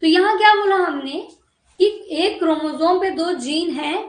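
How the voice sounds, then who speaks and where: High-voiced woman teacher in an echoey room. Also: measured pace. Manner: coaxing, repeatedly checks understanding. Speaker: biology teacher. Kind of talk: classroom lecture.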